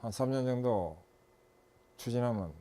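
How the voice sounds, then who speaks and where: A man's voice: mid-range voice, lively intonation, unhurried, mellow. A middle-aged man lecturing as an instructor and consultant, listing steps methodically and correcting himself as he goes.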